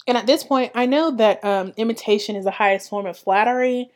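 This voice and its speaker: A woman's voice: a little high, fairly quick. A young woman hosting her own podcast, talking through casual solo commentary with emphatic, sassy asides. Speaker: podcast host.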